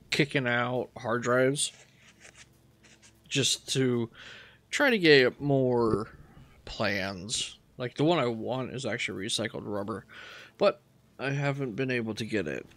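A man casually talking through his gameplay, relaxed and rambling as he thinks aloud. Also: mid-range voice, slow pace, pauses often. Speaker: gaming channel host.

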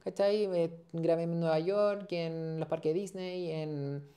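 The guest, a dental student in his twenties, speaks Chilean Spanish in a warm, steady, slightly high voice at a measured pace. His casual interview chat is slangy and meandering, packed with fillers. He's recorded on a lapel mic while sitting in an armchair in a small studio room.

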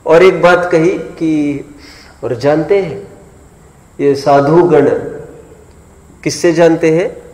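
In an echoey hall with long reverb, a man delivers a sermon-style scripture lecture to a live audience. His voice is on the high side and darkish, with fairly even intonation, and he speaks slowly with frequent pauses. He often stops to pose rhetorical questions and make sure listeners are following.

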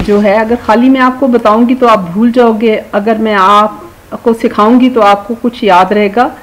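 Lady teacher, higher voice, stretching out words for little kids. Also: a little hiss or hum, rough recording. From Pakistan. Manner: drawn-out, slow spelling of words, warm coaxing praise. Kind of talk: Urdu lesson for children.

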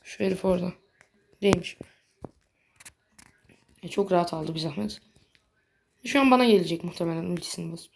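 A woman giving casual gameplay commentary in a blunt, slangy way, quick to get annoyed. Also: lowish voice, gravelly. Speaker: gaming video creator.

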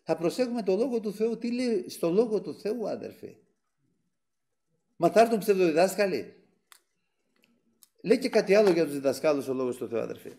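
A man's voice: sits high, expressive, gravelly, long pauses, mellow. A man preaching a sermon with fervor, swelling on key phrases and often addressing the brethren. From Greece.

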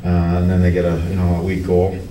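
A middle-aged man, a hockey coach, answering reporters at a post-game press conference, halting with many restarts and fillers. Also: low-pitched, monotone. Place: press room in front of a team backdrop. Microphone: table mic on a stand, heard from a camera farther off. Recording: echoey room, distant camera, background noise.

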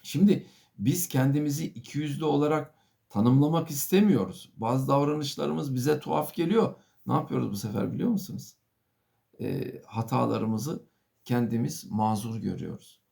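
A middle-aged man, a professor, giving a monologue lecture to viewers, firing off rhetorical questions, calling them dear friends and filling pauses with a formal "sir". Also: mid-range voice, gravelly, dark tone. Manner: asks many rhetorical questions and addresses listeners as dear friends; fills pauses with a formal "efendim". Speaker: professor giving a video talk.

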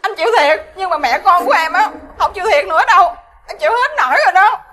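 An actress playing an aggrieved, defiant young daughter-in-law with a Southern Vietnamese accent, pleading and emotional. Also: female voice, extremely high pitch, animated, fast, bright, forceful tone, exaggerated voice.

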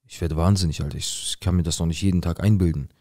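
A young man acting out a rough-talking, paranoid drug dealer who tells his own story in a dramatic monologue full of slang and swearing. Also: sits low, fairly even intonation, fast talker, warm tone, no echo, clean studio sound. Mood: tense. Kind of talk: dramatic first-person monologue.

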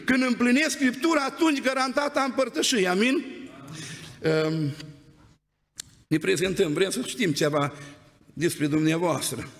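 High-voiced male preacher in a reverberant church. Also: long pauses, fairly bright tone. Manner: conversational storytelling preacher, prompting "amen?". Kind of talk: sermon. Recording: long church hall reverb.

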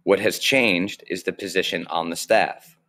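Through a webcam mic in a small room, a low-voiced young man records an online lesson covering music basics. He speaks slowly and clearly, his tone steady, pushed, and bright.

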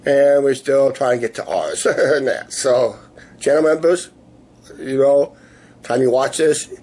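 A man in his fifties chatting casually to camera in a rambling, halting way, his voice weak and sore after illness. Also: mid-range voice, darkish tone. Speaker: vlogger. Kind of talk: casual video diary chat. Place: small living room, indoors. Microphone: camera at arm's length. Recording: noisy room ambience on camera mic.

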